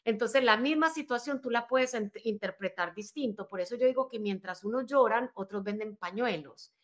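A woman's voice: on the high side, normal speed. A married woman coach telling her own story in an interview, earnest and motivational, often checking in with "right?". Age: adult, married with children. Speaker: life and business coach, podcast guest. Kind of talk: conversational interview, personal story.

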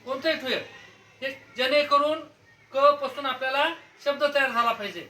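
High-pitched woman teacher, patient, keeps prompting little kids, distant mic, noisy classroom. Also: moderate pace, sharp tone. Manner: patient, repeatedly prompts small children with questions. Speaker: primary school teacher. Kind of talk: classroom word-game lesson. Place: rural school classroom.

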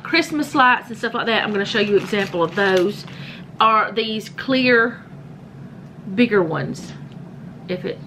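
A woman talks her viewers through household items at home, filming on a handheld phone. Her voice sits in an ordinary middle pitch, and she rambles and corrects herself in a loose, chatty way. A faint room hum runs underneath. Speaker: home vlogger. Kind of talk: casual show-and-tell vlog. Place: home, indoors.

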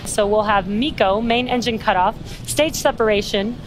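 A woman's voice: medium pitch, moderate pace, noisy background. A woman giving live launch commentary as a webcast host, explaining things as she goes.

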